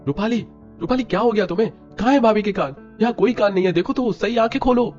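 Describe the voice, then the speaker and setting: A man's voice: sits high, fast, a little mellow, pitched above the performer's own voice, close to an everyday voice. Man doing a reassuring young cartoon husband. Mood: soothing. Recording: dull lo-fi with music.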